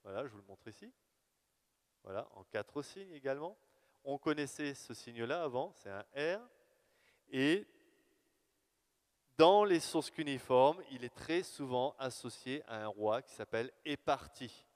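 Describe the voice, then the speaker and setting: A man giving a live lecture on his research, talking in a lively, conversational way with fillers and asides to the audience. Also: mid-range voice, measured pace, long pauses. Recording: long hall reverb.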